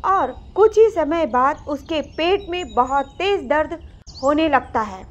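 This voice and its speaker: A woman narrating a children's moral story in a gentle, simple storytelling manner. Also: high-pitched, animated, unhurried. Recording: slightly muffled recording.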